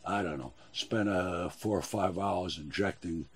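A man in his sixties with a husky voice, chatting casually in a gruff, wry, halting way. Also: low-pitched. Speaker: boat builder and owner being interviewed. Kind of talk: casual chat. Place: small wooden sailboat cabin.

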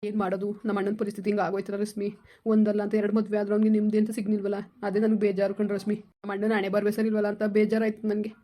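A man's voice: high voice, completely flat delivery, fast, warm tone. A man, talking with his wife in a casual family chat, earnest and lamenting. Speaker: husband in a family vlog. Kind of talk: casual heartfelt family talk.

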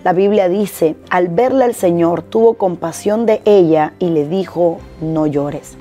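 A woman's voice: lowish voice, unhurried, warm tone, soft background music. A woman pastor giving a short devotional sermon, earnest and exhorting, repeating her key phrases.

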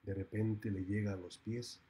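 A man's voice: on the low side, level tone, normal speed, mellow. A man with a Mexican Spanish accent, a criminal law lecturer who tells a story in a colloquial, playful way, adding sound effects.

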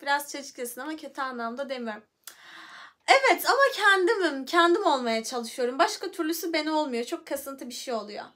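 Bright, high-voiced playful young woman. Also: lively intonation, fairly quick. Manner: playful, chatty, hums and sings nonsense syllables. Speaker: livestream host chatting with viewers. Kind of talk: casual livestream chat.

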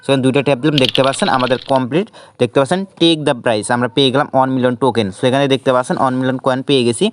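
A man hosting a screen-recorded app tutorial, giving rapid step-by-step instructions sprinkled with English words. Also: mid-range voice, steady tone, background noise. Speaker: channel host.

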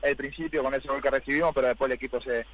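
A man's voice: mid-range voice, fairly even intonation, rapid-fire, a bit bright, rough recording. A young Uruguayan man, a footballer, giving interview answers and repeating words as he searches for the next. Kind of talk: post-match interview answers.

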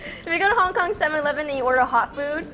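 A woman's voice: sits high, very fast, pushed and bright. A young woman hosting a food vlog, bubbly and enthusiastic, laughing often while tasting dishes. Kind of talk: casual food vlog chat. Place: small casual eatery, indoors. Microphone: lapel mic.

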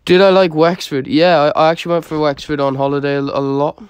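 Quick and steady in tone, this young adult from Dublin has a higher-pitched voice and casually responds to livestream comments using laid-back slang. His phone is held near his face, and slight background noise can be heard.

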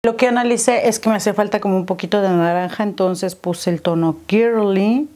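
A woman talks through a makeup tutorial in a relaxed, chatty way, narrating each step as she goes. Her voice is mellow and sits at a middle pitch. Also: a little hiss or hum. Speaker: beauty vlogger.

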